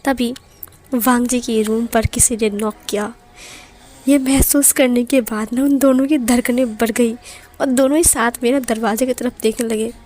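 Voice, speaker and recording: A woman's voice: a little high, steady tone, moderate pace, darkish tone. A woman narrating a romance story in a casual, conversational way, dropping in English words. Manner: conversational, mixes English words, some stumbles.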